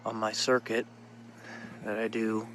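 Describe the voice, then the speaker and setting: A man with a fairly low voice speaks informally to his viewers as a vlogger. His delivery is unscripted and reflective, recorded outdoors with clear ambient noise behind him. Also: monotone, unhurried. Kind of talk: casual vlog talk to viewers. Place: outdoors in a park.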